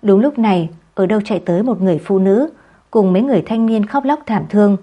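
A woman's voice: mid-range voice, fast, warm tone. Woman narrating an audiobook.

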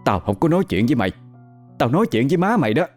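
A man's voice: sing-song, moderate pace, mellow, soft background music. A man voicing a greedy middle-aged village woman who wails and scolds shrilly in a told story. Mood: scolding. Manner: wailing, shrill, self-pitying. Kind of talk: storytelling with voices.

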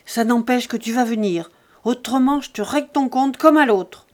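A woman reading an audiobook, voicing a brutal peasant man who growls slow threats. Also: a little high, fairly even intonation, gravelly, darkish tone, husky, full character voice. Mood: menacing.

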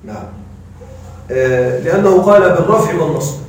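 A male grammar teacher giving a classroom lecture, quizzing his students and reciting verses slowly. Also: fairly high pitch, animated, slight background noise. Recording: echoey room from a distance.

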